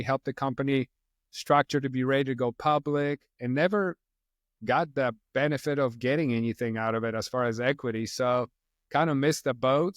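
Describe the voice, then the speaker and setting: A middle-aged man from Poland talks in a loose, wandering way, dropping plenty of fillers as a podcast guest. His voice is smooth and resonant. The sound is dry and close. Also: mid-range voice, dry recording. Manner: relaxed, rambling, frequent "you know" fillers. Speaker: podcast guest, company co-founder. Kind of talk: casual interview chat.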